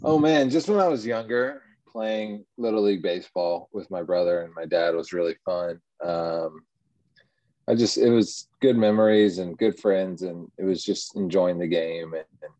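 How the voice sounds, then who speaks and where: A man, a baseball pitcher answering interview questions in an easygoing, rambling way. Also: moderate pace, warm tone, no room sound. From Texas, USA. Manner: easygoing, rambling, many ums and you-knows. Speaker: professional baseball pitcher, guest. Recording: dull, muffled lo-fi sound.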